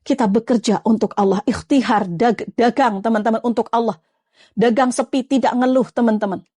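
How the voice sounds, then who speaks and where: High-voiced woman preacher, lively and coaxing. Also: moderate pace, slightly rough, no echo, studio quality. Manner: lively, coaxing, addresses viewers as friends. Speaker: Islamic preacher. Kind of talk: live-streamed religious talk.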